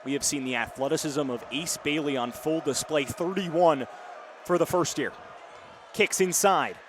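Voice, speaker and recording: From his courtside spot in a basketball arena, a radio announcer in his early twenties calls the game in short, punchy bursts. His voice is fairly high and moves at a moderate pace, over the din of the crowd, court noise and a bouncing basketball.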